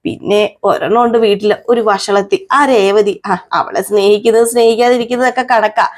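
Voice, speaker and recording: ഒരു സ്ത്രീ, മരുമകളോട് കയ്പ്പുള്ള ഒരു മധ്യവയസ്കയായ അമ്മായിയമ്മയായി ശബ്ദം നൽകുന്നു, പരാതിയും പുച്ഛവും നിറഞ്ഞ സംസാരം. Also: female voice, medium pitch, steady tone, moderate pace, lightly acted. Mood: scornful. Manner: complaining, scornful asides. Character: scheming middle-aged mother-in-law, bitter toward one daughter-in-law.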